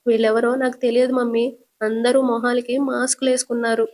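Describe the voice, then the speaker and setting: A woman's voice: on the high side, little pitch movement, fairly quick, darkish tone, natural voice. A woman voicing a frightened young woman, tearful and pleading with her mother. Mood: scared, tearful.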